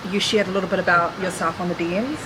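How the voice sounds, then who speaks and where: A woman's voice: on the low side, racing, background noise. A woman hosting a podcast in an effusive, informal, chatty way. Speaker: podcast host. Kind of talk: casual, chatty podcast talk.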